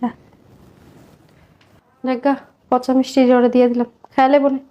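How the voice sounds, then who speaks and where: Woman as a scornful rich housewife, high-voiced. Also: little pitch movement, moderate pace, highs cut off, close to an everyday voice. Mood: dismissive. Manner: contemptuous, scolding. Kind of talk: social media skit acting.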